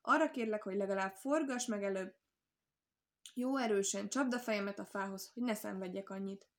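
A woman storyteller voicing a crafty male hawk with a shrill voice who plays innocent. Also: natural voice. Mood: pleading.

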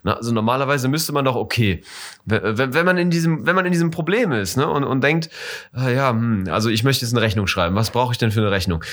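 A man's voice: medium pitch, quick pace, a bit bright. Hesitant man in a podcast chat. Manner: hesitant, restarts a lot. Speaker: podcast co-host.

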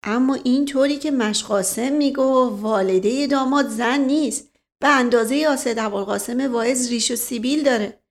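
A woman voicing a charming, smooth-talking older nobleman who coaxes and teases playfully in an audiobook. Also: sits high. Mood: teasing. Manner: coaxing, playful. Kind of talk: audiobook character reading.

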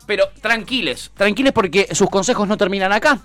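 A man's voice: high-pitched, fairly quick, sharp tone, no room sound, faint music behind. A man with a Rioplatense accent hosting a podcast, talking in a playful, sarcastic, casual way. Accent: Rioplatense Spanish. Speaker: podcast host. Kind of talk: casual chat.

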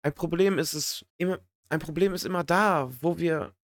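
A man's voice: on the high side, normal speed, no echo. A man in a motivational monologue who speaks earnestly and directly to the listener. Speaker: podcast host.

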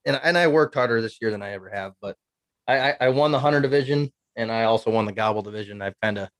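A man's voice: fairly low pitch, fast talker, dry recording. A man in his twenties chatting casually on a video call, telling a rambling story at an easy pace. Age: 20s. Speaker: guest turkey caller. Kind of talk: casual chat.

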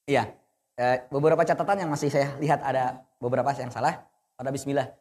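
A man's voice: medium pitch, steady tone, brisk, darkish tone, in a large hall. A young man teaching adults to read the Quran, patiently correcting their recitation. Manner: patient, corrective, demonstrates then explains.

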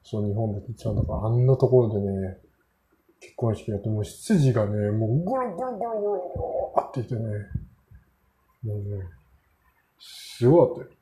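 A man's voice: fairly low pitch, expressive, a little fast, long pauses, warm tone. A man casually telling rambling, self-mocking anecdotes in a solo monologue. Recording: roomy echo.

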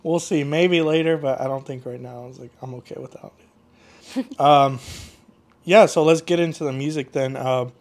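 A man hosting a podcast, asking questions in a relaxed, rambling way and leaning on "like" as a filler. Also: medium pitch, moderate pace. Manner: laid-back, rambling, heavy use of "like". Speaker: podcast host. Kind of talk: casual interview chat.

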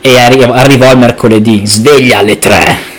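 A man's voice: mid-range voice, fairly even intonation, normal speed, crowd noise. An Italian man chatting casually and telling anecdotes in a joking, self-mocking way, dropping English phrases into his Italian. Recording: background noise and ambience.

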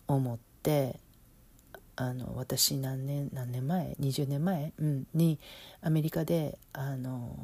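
A middle-aged woman with an Osaka accent, speaking reflectively in a casual monologue, with lots of fillers and soft laughs. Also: extremely low pitch, husky, no room sound. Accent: Osaka Kansai Japanese. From Osaka, Japan. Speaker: business coach, podcast host.

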